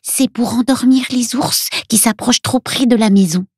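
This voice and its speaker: A woman's voice: fairly high pitch, normal speed, breathy edge, no echo, voice pushed up. A woman voicing Luna, a tearful little girl who is a witch's daughter, speaking in an earnest childlike way in a storybook reading.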